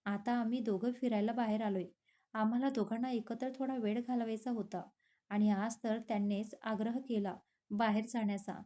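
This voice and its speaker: A woman's voice: on the high side, steady tone, normal speed, warm tone, lightly acted. A woman voicing a sweetly smug, scheming young fiancée in a storybook romance.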